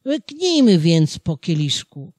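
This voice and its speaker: Gleeful tempter devil from a storybook folk tale, put on by the narrator, coaxing and boisterous, slow and breathy, swinging high. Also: big pitch swings, a little mellow, no echo, studio quality. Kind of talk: audiobook folk tale reading.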